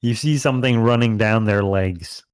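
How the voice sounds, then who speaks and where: A man running a tabletop game as game master, relaxed and often laughing. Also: fairly low pitch, normal speed, noisy background. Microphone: online voice chat.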